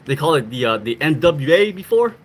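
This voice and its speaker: A man's voice: fairly high pitch, very animated, brisk. A young man from Long Beach, California, telling loose slangy stories on a casual livestream, laughing often.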